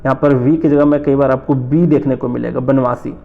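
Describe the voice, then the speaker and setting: Gravelly-voiced male exam tutor. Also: medium pitch, little pitch movement, phone-quality sound. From North India. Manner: explains slowly, repeats terms, asks rhetorical questions. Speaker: teacher. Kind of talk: exam-prep lecture.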